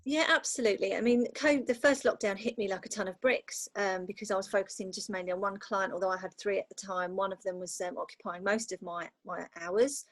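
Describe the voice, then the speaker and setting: A woman speaks as a podcast guest from a bedroom at home, the sound dry and close. She is agreeable and reflective, often affirming with a quick "absolutely.". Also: medium pitch, fairly even intonation, no echo. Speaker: virtual assistant, guest. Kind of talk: casual chat.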